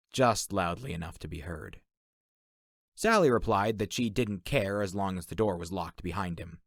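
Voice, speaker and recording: A male storyteller narrating a fantasy adventure, expressive and animated, with a lowish voice. The recording is dry and close. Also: no room sound. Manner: expressive, voices all characters.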